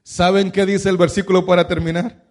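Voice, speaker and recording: Pastor, male, high voice, sermon delivery built on rhetorical questions. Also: level tone, fairly quick. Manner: preaching with many rhetorical questions.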